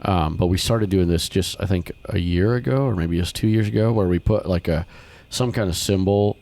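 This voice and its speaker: A man with a fairly low voice hosts a relaxed conversation about children's ministry. He tells stories with lots of energy and jumps into a higher voice to act out the people he quotes. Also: normal speed, vocal fry. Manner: animated storyteller, acts out quotes in higher voice. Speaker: podcast host, children's ministry. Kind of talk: casual chat.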